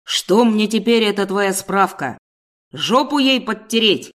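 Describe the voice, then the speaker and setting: A woman's voice: mid-range voice, animated, normal speed, close to an everyday voice. A woman voicing a furious bellowing male boss. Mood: raging. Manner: shouting, snarling, hurling insults. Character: furious middle-aged male boss, bullying and crude.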